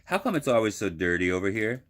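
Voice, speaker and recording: A man's voice: lowish voice, sing-song, fast talker. A man voicing a curious, wistful young boy who complains, in a storybook reading. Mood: puzzled.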